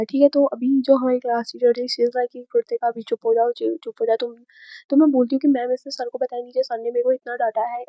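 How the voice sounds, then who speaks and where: A woman's voice: on the high side, dry recording. A teenage girl casually telling a storytime story, chatty and mixing in English phrases. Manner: chatty, mixes Hindi with English, frequent fillers. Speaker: storytime vlogger. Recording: dull dry close-mic sound.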